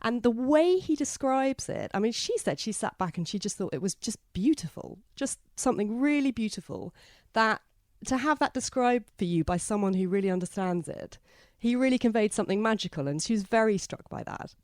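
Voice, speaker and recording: A woman's voice: a little high, brisk, no echo, clean studio sound. A woman hosting a book club podcast, chatting casually and animatedly about a book. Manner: chatty, animated, reads quotes aloud.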